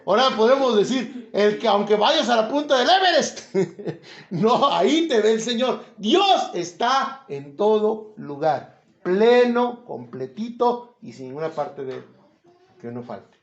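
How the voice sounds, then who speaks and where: High-voiced Mexican preacher in an echoey room. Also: male voice, sing-song, a little slow. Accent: Mexican Spanish. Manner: chatty, jokes, asks the listeners questions. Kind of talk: informal Bible teaching to a congregation. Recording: echoey room, slightly dull sound.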